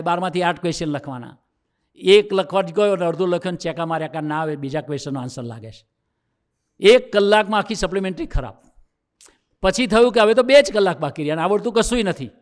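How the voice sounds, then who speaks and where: A man with a Gujarati accent, a swami, gives a youth sermon as a personal story, acting out the dialogue and rising into emphatic preaching. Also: on the high side. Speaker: swami giving a youth discourse.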